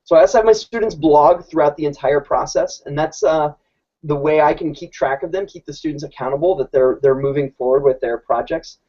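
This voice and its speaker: Talking fairly quickly in a high-leaning, dark-toned voice, a man casually presents how his classroom works as a teacher, often beginning sentences again. The lo-fi recording sounds dull.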